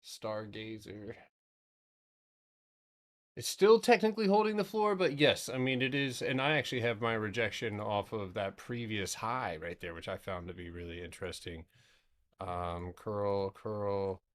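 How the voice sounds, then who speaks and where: A man's voice: lowish voice, unhurried. A man in his thirties hosting a trading live stream, talking loosely through charts, swearing now and then and answering his chat. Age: 30s.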